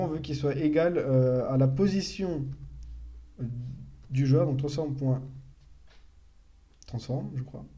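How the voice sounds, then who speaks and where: A man's voice: medium pitch, mellow. A young man giving a casual live-stream coding tutorial, thinking aloud and correcting himself as he explains. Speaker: programming tutor.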